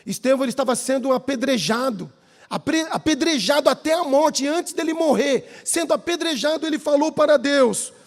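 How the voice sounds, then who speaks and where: In a church hall, a man with a Brazilian Portuguese accent gives a lively sermon full of personal storytelling, frequently calling his listeners brothers. His voice is very high-pitched, and he speaks at a normal speed.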